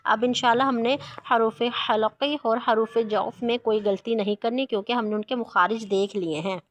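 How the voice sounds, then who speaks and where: A woman with a slightly high voice teaches Quran reading. She chants letter sounds at a slow drilling pace, then explains patiently and reassures her students again and again. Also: steady tone, no echo. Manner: patient, reassuring, repeats "theek hai".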